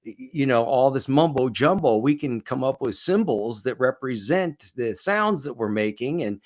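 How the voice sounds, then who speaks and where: A man's voice: mid-range voice, lively intonation, normal speed, voice pushed up, close to an everyday voice. Man doing a chill early tribesman in a raised voice, slangy. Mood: excited. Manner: casual, drawling slang. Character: laid-back ancient tribesman inventing writing.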